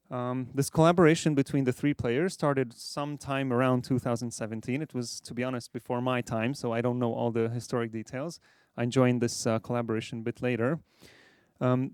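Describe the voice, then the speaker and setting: A man from Hungary, a software architect, giving a measured conference presentation with frequent fillers. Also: mid-range voice, no room sound, studio quality. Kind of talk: conference talk.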